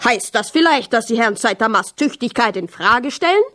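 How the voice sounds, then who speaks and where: A woman's voice: a little high, lively intonation, moderate pace. A woman voicing a furious, bellowing fat male vice-president in a radio play, speaking with contempt. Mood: scornful. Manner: shouting, contemptuous.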